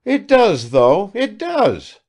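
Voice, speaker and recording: A man reads aloud in a slightly high, very animated, exaggerated voice pushed upward with vocal fry, playing an affected provincial woman. She gushes and chatters, firing off questions one after another without waiting for any answers.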